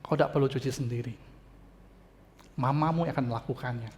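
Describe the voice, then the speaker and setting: A man voicing a gentle, forgiving mother who soothes her young child in a soft, reassuring way within a sermon story. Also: mid-range voice, brisk, voice pushed down, close to an everyday voice.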